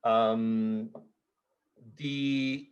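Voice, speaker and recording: A man's voice: mid-range voice, steady tone, clean tone, muffled recording. A man from Chile speaking as a guest on a video-call webinar panel, often repeating words as he searches for what to say. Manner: halting, repeats words while searching for phrasing. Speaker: panel guest, expedition cruise guide.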